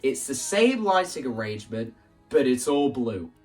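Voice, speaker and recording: A content creator far from the mic, with soft music in the background, gives an animated, rambling vlog about staging a musical, acting out scenes and quoting lines. His mid-range voice is a little mellow, swings widely in pitch, and keeps a moderate pace.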